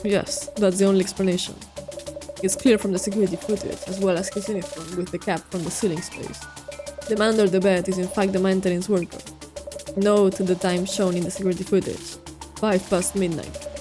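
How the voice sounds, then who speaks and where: A woman voicing a calm, theatrical male detective, reading a visual novel aloud with measured, grandly formal questions. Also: medium pitch, music in the background, voice pushed down, lightly acted. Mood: approving.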